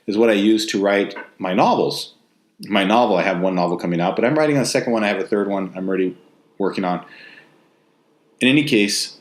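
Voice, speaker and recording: Male host, West Texas twang, lowish voice, casual and anecdotal, recorded in an echoey room. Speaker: novelist and host. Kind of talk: casual, rambling spoken monologue. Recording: roomy, echoey sound.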